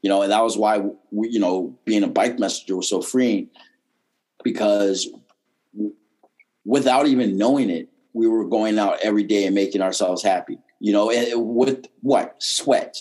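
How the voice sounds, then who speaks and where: A man's voice: on the low side, normal speed, darkish tone. Man with a mild Boston accent. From Boston, United States. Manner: blunt, profane, rambling. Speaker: podcast guest, comedian and former bike messenger. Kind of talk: casual conversation.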